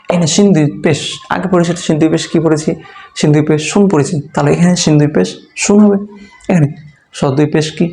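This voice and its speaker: A man's voice: a little high, creaky, dark tone. A man teaching a beginner's Quran reading class online, patiently repeating letter sounds and answering his own questions.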